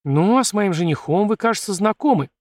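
Brisk young woman in an audiobook, voiced by a male narrator; coaxing, in a dry, close sound. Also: high voice, animated, darkish tone, no echo, voice pushed up. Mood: lively. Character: lively bold young woman, court lady-in-waiting.

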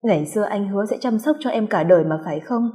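A woman's voice: mid-range voice, lively intonation, quick pace, dark tone, lightly acted. A meek, pregnant young wife, voiced by a woman, begs in a weak, faltering voice. The sound hangs in a long, hall-like echo. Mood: pleading.

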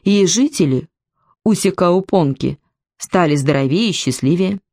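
A woman's voice: fairly low pitch, lively intonation, a little slow, darkish tone, no echo, clean studio sound. A woman reading a story aloud, voicing an earnest, naive young man who defends his ideals.

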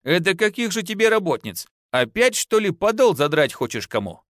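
An earthy young peasant wife, teasing and quick to scold, in a raised, lively voice, as a male audiobook narrator puts her on. Her folksy talk swings up and down in a close, dry recording. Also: fairly high pitch, no echo, pitched above the performer's own voice.

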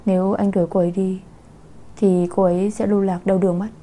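Woman reading as a patient, soothing young man, warm and mellow, storybook dialogue. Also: mid-range voice, flat delivery, fast, natural voice. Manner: soothing, gentle. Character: gentle, patient young man comforting his ex-lover.

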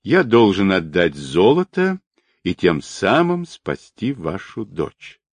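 A man's voice: sits low, big pitch swings, slow, husky, dry recording, heavily acted. A man voicing a mocking, commanding crippled man who sneers at everyone, read out as part of a story. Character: mocking crippled man, boss, sharp-tongued.

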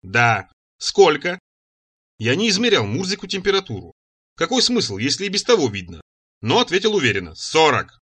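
A man narrating a first-person audiobook in an expressive, ironic manner. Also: sits high, fast, husky. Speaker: audiobook reader.

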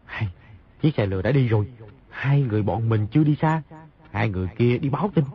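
A man reading an audiobook, voicing a cunning, street-smart boy who thinks aloud in a quick, cheeky way. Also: mid-range voice, lively intonation, lightly acted. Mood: worried. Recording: dull lo-fi audio.

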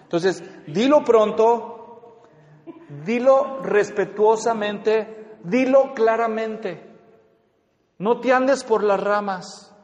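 Male speaker, high, animated seminar voice, dull lo-fi sound, long hall reverb. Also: drawn-out words, long pauses. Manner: animated, jokey, acts out spouses' lines. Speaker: marriage counselor and speaker. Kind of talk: lively seminar talk with acted quotes.

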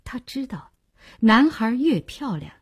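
A woman reads a novel aloud in a measured, expressive storytelling manner. Her voice is slightly husky, and her intonation rises and falls in a lively way. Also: a little high. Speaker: narrator. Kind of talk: audiobook narration.

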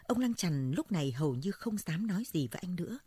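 Female folk-story narrator, husky and low, measured delivery. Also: very animated, mellow, no room sound, clean studio sound.

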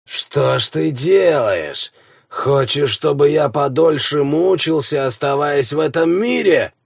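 A man voicing a dying old male warlock, a village elder who speaks in slow, wheezing, strained phrases. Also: mid-range voice, creaky, slightly rough, no echo, clean studio sound, full character voice. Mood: bitter, grim. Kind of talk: audiobook character voice.

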